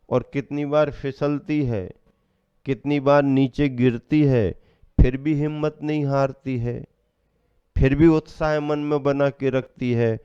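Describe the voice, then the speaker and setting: A man giving a sermon as a Jain monk, preaching slowly and measuredly, asking rhetorical questions and answering them himself. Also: mid-range voice, warm tone, smooth, no echo, lo-fi sound.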